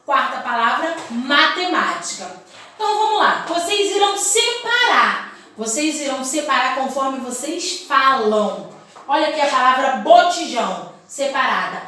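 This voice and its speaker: Brief: woman teacher, high bright voice, for small children, recorded a little off-mic in a very echoey room. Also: sing-song, distant mic, slight background noise. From Brazil. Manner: sing-song teacherly tone, stretches words slowly syllable by syllable. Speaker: primary school teacher. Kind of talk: recorded remote lesson for young children.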